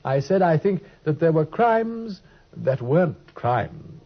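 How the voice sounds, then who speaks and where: In a dull, husky old radio recording, an actor plays a brilliant, aloof male detective in a 1950s radio drama. His voice is on the high side and sing-song at a slow pace, a full character voice that drawls and teases wryly as he lectures.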